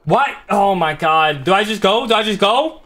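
A young man giving excitable, jumpy gameplay commentary on a horror game, yelling when scared. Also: high voice, moderate pace. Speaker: gaming YouTuber.

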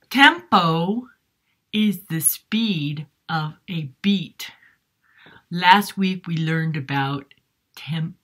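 A woman's voice: sits low, a bit bright, breathy edge, full character voice. A woman voicing a friendly, playful young wolf who helps out in a children's music class, sometimes howling. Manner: playful, with howls. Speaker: music teacher's character. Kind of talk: puppet-style music lesson.

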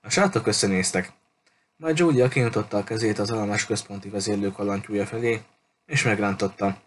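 A man reading a children's novel aloud in an unhurried storytelling manner, with small restarts. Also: fairly low pitch, slight background noise. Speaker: audiobook reader.

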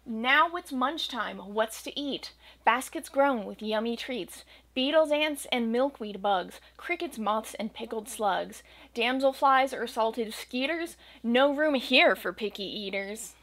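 A young woman slowly reads a rhyming picture book for children, her slightly high voice soft and expressive as it tracks the lilting verse. She is recorded up close to the camera in a small home room fitted with bookshelves and a green screen.

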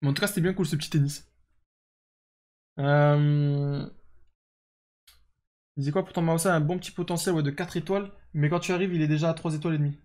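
Young guy streaming a football game, talks fast, kinda high voice, lots of euh and chatting with chat. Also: steady tone, a little mellow. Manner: chatty, reads and answers chat, lots of fillers. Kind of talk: casual live game commentary.

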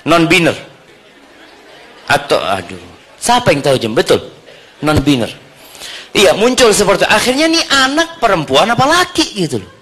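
A man preaching a sermon to a congregation, putting questions to his listeners and switching between brisk talk and slow, drawn-out emphasis. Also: high-pitched, huge pitch swings, a bit bright, breathy edge, some chatter behind. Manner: engages the audience with questions. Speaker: Islamic preacher.

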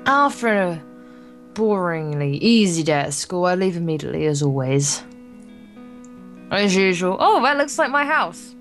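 With a fairly low but very animated voice, a woman works through a visual novel in a Let's Play, reading its text at a measured pace. She drops in casual jokes and occasionally stumbles, and faint music plays in the background.

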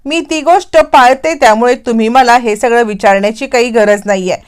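A woman reading the lines of Kala, a defiant, quick-witted young woman in a TV serial recap. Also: a little high, smooth, natural voice. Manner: pleading then sharply defiant.

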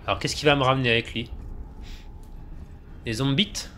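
A man's voice: mid-range voice, fairly even intonation, moderate pace, bright, forceful tone, slight background noise. A man casually commentating a video game he plays, joking and chatting with himself. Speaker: let's play gamer. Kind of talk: casual let's play commentary.

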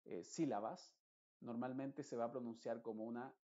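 Male teacher, patient explainer, mellow voice, muffled lo-fi recording. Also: medium pitch, fairly even intonation, moderate pace. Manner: explains patiently, stretches vowels, reads word lists aloud. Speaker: English pronunciation teacher. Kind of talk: recorded online lesson.

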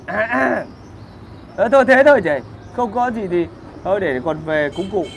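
A man rants in a high, pushed voice, crude and combative. He hosts a casual livestream from outdoors. Traffic and street noise sit loudly behind him. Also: animated, brisk. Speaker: livestream host answering viewer comments.

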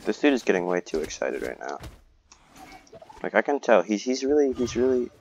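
A young man giving excitable, rambling gameplay commentary and joking at his own expense. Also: fairly low pitch, normal speed, gravelly, slight background noise. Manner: excitable, rambling, playfully self-mocking. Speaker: gamer.

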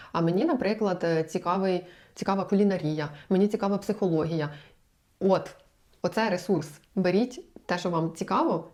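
Fast-talking young woman, lowish voice. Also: dark tone. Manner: chatty, explains with examples and asides, many fillers. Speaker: vlogger giving language-learning advice. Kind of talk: casual talk to camera.

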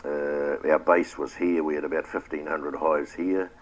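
Speaking at a measured pace in an extremely low, steady voice, an older New Zealand man recounts his family's history in beekeeping. He is a retired beekeeper, and his oral history interview is reflective and plain-spoken.

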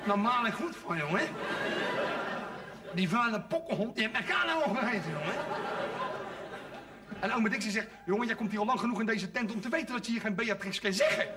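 A man's voice: high-pitched, quick pace, recorded from a distance, crowd noise. A man telling a comic story on stage, doing the voices of the characters as he goes. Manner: animated, voices characters, frequent audience laughter. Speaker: cabaret performer telling a story. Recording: live stage recording from afar, audience audible.

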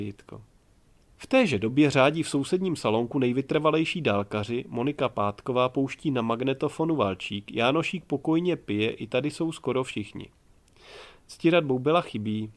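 In a calm, measured reading voice, a man narrates an audiobook from a script. His voice sits in the mid range.

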